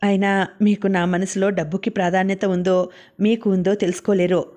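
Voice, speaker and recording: A woman's voice: mid-range voice, flat delivery, normal speed, a little mellow, close to an everyday voice. A woman reading the part of an ailing young wife who stubbornly refuses her husband. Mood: defiant.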